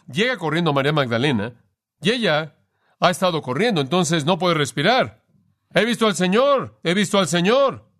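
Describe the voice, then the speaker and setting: A man preaching an expository sermon, telling the story with lively rhetorical questions. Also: fairly high pitch.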